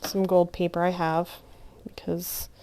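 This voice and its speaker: A woman with a slightly low voice talks through a hands-on craft tutorial at home. She is chatty and meandering, often trailing off and restarting as she works. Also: little pitch movement, unhurried, mellow. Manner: chatty, rambling, many fillers and restarts. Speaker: crafter teaching junk journal making. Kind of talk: casual craft tutorial narration.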